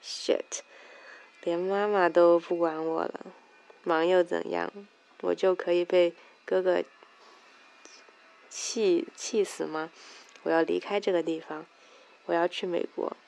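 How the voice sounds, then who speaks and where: A woman's voice: lowish voice, fairly even intonation, slow, gravelly, long pauses, darkish tone. Woman doing a sulky teenage girl.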